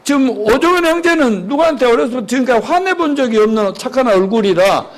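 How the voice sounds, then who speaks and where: A man with a notably high voice preaches in church with plenty of animation. He quizzes the congregation with quick questions and acts out the angry outbursts he warns against. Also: lively intonation. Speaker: pastor. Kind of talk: sermon.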